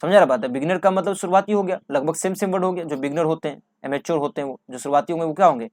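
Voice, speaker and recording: A man's voice: a little high, racing, darkish tone, dry recording, studio quality. A male English teacher explains exam vocabulary, asking questions and answering them himself, repeating key words. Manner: repetitive, asks and answers his own questions.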